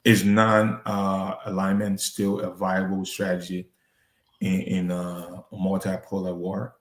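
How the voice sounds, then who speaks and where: A man hosting a discussion podcast, framing his questions haltingly, with many pauses and restarts. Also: low voice, completely flat delivery. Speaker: podcast host. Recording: echoey room.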